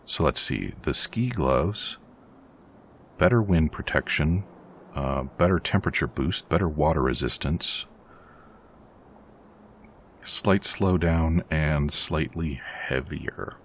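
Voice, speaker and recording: A man's voice: extremely low pitch, slow pace, long pauses, a bit bright, a little hiss or hum. A man casually narrating his survival game playthrough, chatty and rambling with a self-deprecating streak. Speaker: let's play host.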